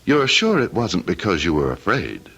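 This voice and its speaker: Cold blackmailing heir in a radio mystery: very low, forceful voice, mocking and deliberate. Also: male voice, huge pitch swings, breathy edge, muffled recording, exaggerated voice. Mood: menacing, taunting. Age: 30s. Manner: menacing, mocking, theatrically deliberate. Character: cold, scheming, blackmailing heir in his late thirties. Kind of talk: old-time radio drama acting.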